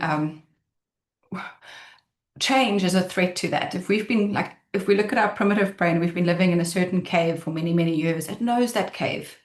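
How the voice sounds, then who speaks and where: A woman giving a conversational talk on the mind, animated and acting out inner thoughts in quoted voices, speaking into a computer mic on a video call. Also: on the low side. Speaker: mindset speaker. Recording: roomy echo.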